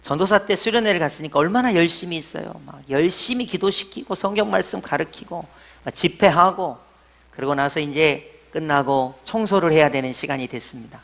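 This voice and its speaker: Middle-aged male pastor with a slightly high, gravelly voice, preaching with emphatic storytelling. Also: fairly quick. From Jeolla, South Korea. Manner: storytelling, swings between loud emphatic and quiet asides. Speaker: senior pastor. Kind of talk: sermon.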